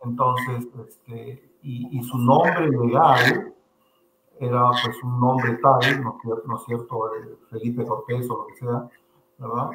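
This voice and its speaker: A man's voice: medium pitch, steady tone, slow. Man, hesitant, filler-heavy, echoey room, background noise. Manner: hesitant, many fillers like 'este'. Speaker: host. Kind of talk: interview conversation. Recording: roomy with noticeable noise.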